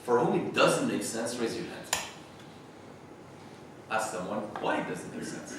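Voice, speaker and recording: Animated man quizzing a workshop. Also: mid-range voice. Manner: presses with quick repeated questions. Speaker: workshop leader. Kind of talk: Socratic workshop questioning. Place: workshop room with adults. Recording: echoey room, distant mic, noisy.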